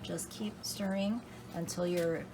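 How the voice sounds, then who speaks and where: Low-voiced woman teaching a home recipe. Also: steady tone, noisy background. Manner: explanatory and unhurried, with many fillers. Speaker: home cook demonstrating a recipe. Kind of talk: casual cooking demonstration. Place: home kitchen.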